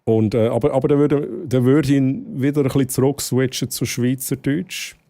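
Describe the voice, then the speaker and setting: A young Swiss man streaming live in casual chat with a Swiss German accent, excitable and prone to loud outbursts. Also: moderate pace, no echo. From Switzerland. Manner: excitable, bursts into loud high exclamations and laughter.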